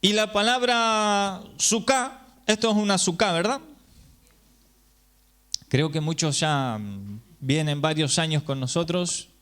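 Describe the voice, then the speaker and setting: A man's voice: a little high, slow pace, fairly bright tone, smooth. A man preaching to a congregation, explaining patiently and checking in with listeners through rhetorical questions. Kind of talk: sermon teaching. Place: congregation gathering.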